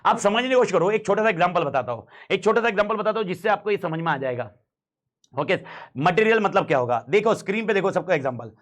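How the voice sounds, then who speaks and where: A man teaching an audit class in Hindi with an Indian accent, slightly hoarse, emphatic and repeating key phrases over and over. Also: high voice, lively intonation, quick pace. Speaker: audit lecturer. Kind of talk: classroom lecture.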